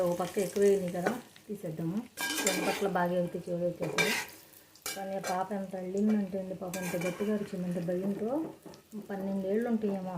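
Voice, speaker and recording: A woman's voice: fairly low pitch, noisy background. A woman chatting through a cooking demonstration in her home kitchen, explaining each step to viewers. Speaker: cooking vlogger. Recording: frying sizzle behind the voice. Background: frying and stirring sounds.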